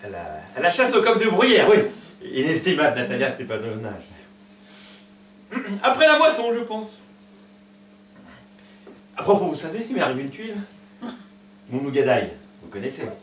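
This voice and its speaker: A touchy, self-pitying suitor in a theatrical farce, full of broken, complaining phrases. His voice is high. The sound is echoey with faint noise. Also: wildly swooping pitch, moderate pace, long pauses, a bit bright. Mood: prim, fussy. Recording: echoey stage, distant mic, faint noise.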